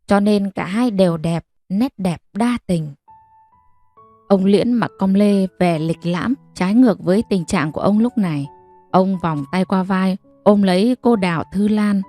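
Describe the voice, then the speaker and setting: A woman calmly reading a long bedtime story aloud as narrator. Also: mid-range voice, dry recording. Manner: calm, even storytelling.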